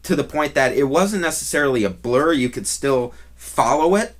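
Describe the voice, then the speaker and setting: Male vlogger, mid-pitched, casual and unscripted storyteller with a halting, meandering delivery. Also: animated. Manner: rambling and halting, with trailing restarts. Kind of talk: casual first-person storytelling.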